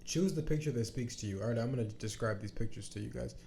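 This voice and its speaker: A man's voice: medium pitch, fast talker, creaky, mellow. A man co-hosting a podcast in casual chat, sleepy and yawning, talking in a laid-back, rambling way that trails off. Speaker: podcast co-host.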